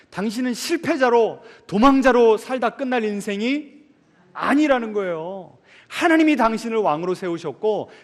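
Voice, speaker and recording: A man preaches from a pulpit in a high, lifted voice, asking his listeners questions and then answering them himself. He pushes some points out loudly and drops others to a near-murmur. The sound rings on in the long reverb of a large church hall. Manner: swings sharply between loud emphasis and soft asides. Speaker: pastor. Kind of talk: sermon.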